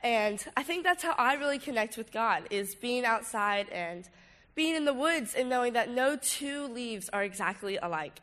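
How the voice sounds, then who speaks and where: A young woman speaks through a stuffy nose, audibly congested and sick. She gives an informal testimony talk in a casual, youthful, halting way, as a student speaker addressing a group. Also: fairly high pitch, fairly bright tone. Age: late teens.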